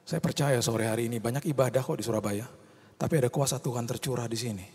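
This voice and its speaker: A man's voice: medium pitch, fast talker, a little mellow, husky. A male pastor preaching an impassioned sermon, slipping English phrases into his talk and rising to fervent cries. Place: church hall. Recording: long reverb of a large hall.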